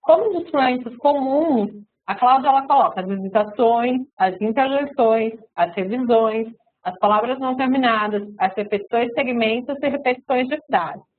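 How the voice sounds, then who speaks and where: A woman's voice: on the high side, moderate pace, few pauses. A woman with a Brazilian Portuguese accent giving a recorded web-conference lecture, explaining step by step with frequent fillers and tag questions. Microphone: web conference microphone. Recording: tinny phone-like web conference audio.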